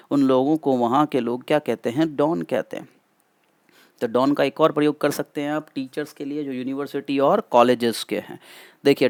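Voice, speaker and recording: A man's voice: mid-range voice, darkish tone, no room sound. A man teaching vocabulary for competitive exams, mixing Hindi and English, repeating key points and asking his students questions. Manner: explains in mixed Hindi and English, repeats and asks the class questions. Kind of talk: exam-prep vocabulary lesson.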